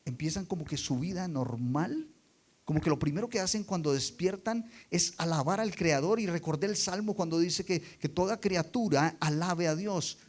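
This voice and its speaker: A man preaching a sermon, dropping quiet and then rising loud for emphasis, and putting rhetorical questions to the congregation. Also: on the high side, moderate pace. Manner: expressive, swings between soft and loud for emphasis.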